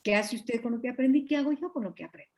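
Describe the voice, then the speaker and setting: A woman, a pastor's wife, teaching a Bible study over a video call with a Guatemalan Spanish accent, earnest and confiding, often clearing her throat. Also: on the high side, fast, darkish tone. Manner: earnest, confiding, acts out quoted dialogue.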